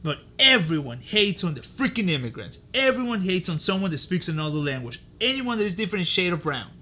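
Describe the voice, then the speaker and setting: A middle-aged man co-hosting a podcast in casual chat, an animated storyteller who jumps high when quoting others. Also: brisk. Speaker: podcast co-host.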